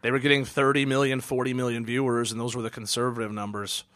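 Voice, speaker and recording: Fast-talking ranting man on a podcast. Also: mid-range voice, level tone, a bit bright. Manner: profane, ranting, exasperated. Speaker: podcast co-host. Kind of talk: casual podcast chat.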